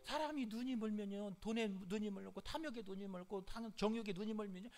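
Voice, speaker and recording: A man's voice: high voice, a little fast, darkish tone, soft background music. A male pastor preaching a midweek sermon in an emphatic, repetitive way, calling out hallelujah often.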